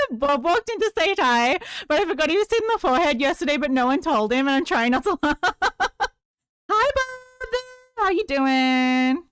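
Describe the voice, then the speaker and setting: A woman's voice: sits high, lively intonation, brisk, a bit bright, no room sound. A woman hosting a live crochet stream, chatting casually and giggling as she greets viewers. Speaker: livestream host.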